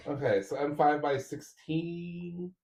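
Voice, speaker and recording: A man's voice: medium pitch, noisy background. A man streaming a 3D printer build, chatting casually with viewers while he assembles parts. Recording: roomy echo.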